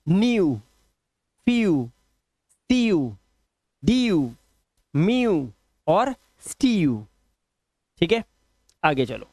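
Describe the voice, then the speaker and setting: A man teaching English pronunciation, drilling word lists slowly and chatting with viewers between rules. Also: on the high side, no echo, studio quality. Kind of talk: spoken English lesson.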